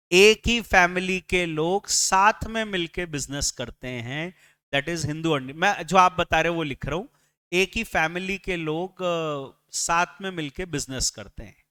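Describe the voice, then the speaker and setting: A male tax lecturer with an Indian English accent, speaking in a high, bright and crisp voice. He talks at an unhurried pace, walking the class through each point and putting questions to them. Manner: explains step by step, asking the class questions; mixes English phrases into his speech.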